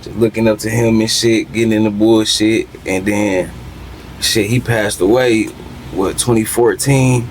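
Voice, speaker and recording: A man's voice: on the low side, fairly even intonation, unhurried, a little hiss or hum, rough recording. A man in his twenties from Michigan, a rapper telling his story in a casual podcast interview, with laid-back street slang. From Lansing, Michigan. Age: 20s. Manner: laid-back street slang, keeps asking "you feel me". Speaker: rapper guest.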